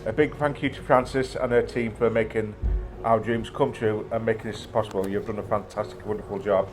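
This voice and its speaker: A man giving an informal, jokey wedding toast speech as the groom, with a halting delivery. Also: on the low side, steady tone, music in the background.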